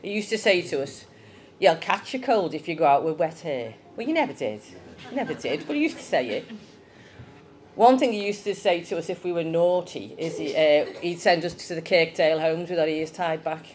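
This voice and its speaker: Chatty woman, lower voice. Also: lively intonation, fairly quick, darkish tone. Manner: chatty, asks the children questions. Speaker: children's talk leader. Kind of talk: informal children's talk in church. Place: church.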